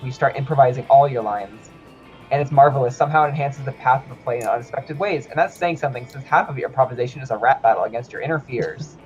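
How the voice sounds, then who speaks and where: A gamer streams a video game with friends, reading in-game text aloud and swearing and laughing often in casual chat. His voice is medium-pitched and quick, heard through muffled lo-fi stream audio with faint music.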